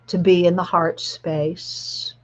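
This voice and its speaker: A woman spiritual guide leading a guided relaxation meditation in a soft, soothing, spa-like manner. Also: lowish voice, little pitch movement, muffled recording. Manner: soft, soothing, slow-paced spa-like delivery.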